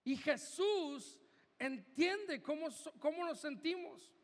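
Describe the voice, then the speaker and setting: High-voiced Mexican pastor preaching slowly. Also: male voice, expressive. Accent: Mexican Spanish. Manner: conversational, joking asides to the congregation. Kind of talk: sermon. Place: church hall. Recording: reverberant hall.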